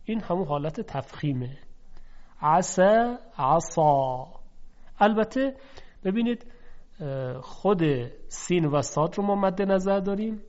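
A man teaches Quran recitation in a fairly high voice. He explains patiently and slowly sounds out pairs of letters to contrast them. The recording is dull and lo-fi. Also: animated, a little mellow. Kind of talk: instructional lesson.

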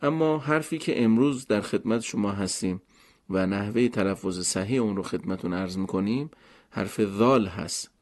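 Guy with a lowish voice giving a formal recitation lesson, polite and careful, explains things slowly step by step. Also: a little mellow. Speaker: Quran recitation teacher. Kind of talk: formal instructional talk.

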